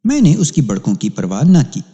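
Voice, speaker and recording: A man's voice: on the high side, huge pitch swings, mellow, lo-fi sound. A man narrating a crime story as a police inspector, in an emphatic, dramatic reading. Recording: long hall reverb.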